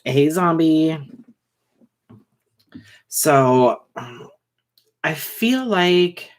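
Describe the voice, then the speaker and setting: Man, livestream host, quick rambling speech, lots of fillers, short on sleep. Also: a little high, expressive. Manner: talks fast; rambling, many fillers and restarts. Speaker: livestream host reading chat. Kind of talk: casual livestream commentary.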